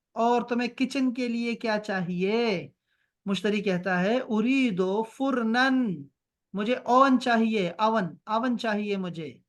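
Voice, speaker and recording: A man from Pakistan teaching an online Arabic lesson, repeating each word slowly and switching to firm reminders. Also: sits high. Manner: patient, repetitive drilling of words, switching to strict reminders. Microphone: video call.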